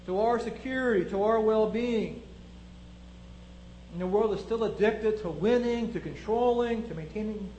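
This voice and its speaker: A man's voice: very high-pitched, a little mellow, reverberant, a little hiss or hum, rough recording. A man preaching a sermon, building his point through strings of rhetorical questions.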